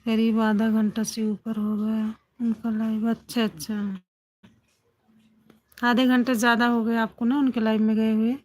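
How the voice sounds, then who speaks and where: A woman chats casually with viewers on a phone livestream, greeting each one by name. Her voice sits slightly high. She keeps the talk going with repeated little affirmations. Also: little pitch movement, a little slow, long pauses, a little mellow. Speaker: livestream host. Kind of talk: casual chat with live viewers.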